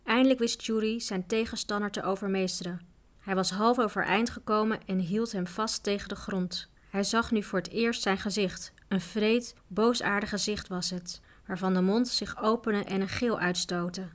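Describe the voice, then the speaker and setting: A woman narrating a children's adventure book aloud in a steady, even reading voice. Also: medium pitch, moderate pace. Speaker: audiobook reader. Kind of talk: storybook narration.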